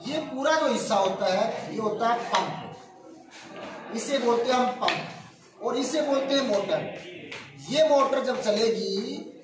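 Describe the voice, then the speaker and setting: A workshop instructor in his forties, with an extremely high voice, teaches a hands-on lesson slowly, pausing often and explaining step by step while asking students if they understood. A far phone camera catches him in a crowded, echoey indoor workshop with students standing around and crowd noise.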